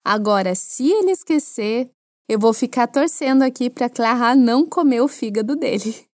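Brazilian female language teacher, bright high register, dead-dry studio read, clear and patient. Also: animated, normal speed, no echo. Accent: Brazilian Portuguese. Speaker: French teacher. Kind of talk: language lesson for Portuguese speakers.

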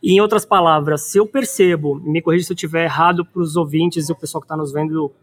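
A man with a Brazilian Portuguese accent hosting a conversational interview, telling stories with energy and slowing down to stress his points. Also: on the high side. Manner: animated storyteller, slows down to stress points. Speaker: podcast host.

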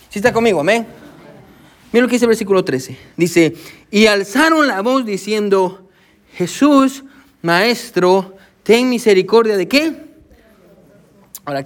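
A male pastor preaching a sermon, with a preacher's cadence and frequent "amén" and "hermano" asides. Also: sits high. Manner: code-switches with English "so".

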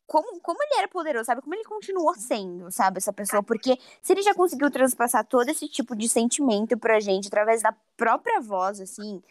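A woman's voice: a little high, expressive, fairly quick, few pauses, dry recording, clean studio sound. A Brazilian woman co-hosting a podcast, speaking earnestly and searching for words. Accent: Brazilian Portuguese. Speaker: podcast co-host. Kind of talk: casual podcast chat.

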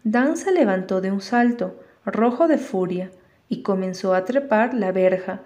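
A woman narrating an audiobook in a steady, expressive storytelling manner. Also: medium pitch, a little slow.

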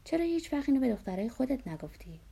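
A woman's voice: high-pitched, very animated, vocal fry, mellow, husky, voice pushed up, heavily acted. A woman reading aloud, voicing a cheerful adult sister who makes teasing remarks.

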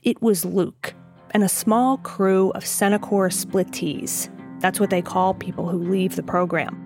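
A woman hosting and narrating a documentary podcast, with a measured, scripted storytelling delivery. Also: mid-range voice, steady tone, over music.

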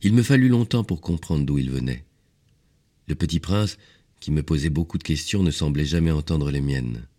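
A man reads a story aloud in a very low voice. His delivery is measured and expressive, with a melody that rises and falls widely. This is audiobook narration.

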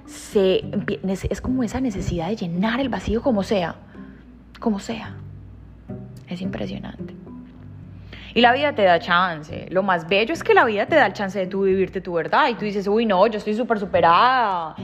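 A woman in her thirties giving a reflective motivational monologue, heartfelt and emphatic, sometimes dropping to a soft hush. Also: medium pitch, animated, normal speed, faint music behind. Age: 30s. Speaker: personal growth speaker.

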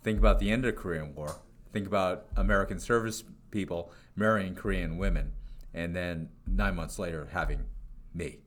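A man's voice: deep voice, moderate pace, fairly bright tone. A man in his sixties co-hosting a podcast, chatting casually and joking with lots of fillers. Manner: jokey, rambling with many fillers. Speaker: podcast co-host. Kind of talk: casual chat.

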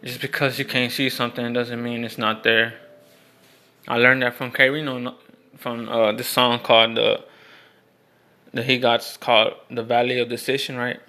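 A man's voice: medium pitch, little pitch movement, moderate pace, pushed and bright. A young man telling stories in a casual, rambling monologue, with lots of fillers and restarts. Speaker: vlogger.

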